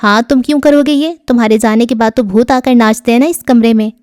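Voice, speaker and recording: A woman reading the part of an exasperated, sharp-tongued young woman who scolds in a raised voice. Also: dry recording, clean studio sound, natural voice. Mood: annoyed, scolding. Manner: indignant, higher and louder than her narration. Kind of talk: audiobook character reading.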